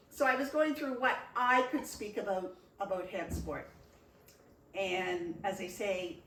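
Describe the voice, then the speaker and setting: A woman's voice: mid-range voice, fairly bright tone. Chatty woman in her sixties, echoey. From Nova Scotia, Canada. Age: 60s. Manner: chatty, wry and self-deprecating. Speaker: presenter at a local history meeting. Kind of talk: casual reminiscing talk. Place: community meeting room. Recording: echoey room, distant mic, faint noise.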